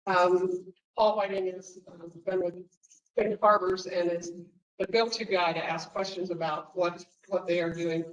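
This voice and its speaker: A woman's voice: fairly low pitch, fairly even intonation, unhurried, muffled recording. A woman giving formal, courteous remarks as an advocate presenting to a commission. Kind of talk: prepared remarks at a public meeting. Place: indoor public meeting room. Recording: distant meeting-room microphone.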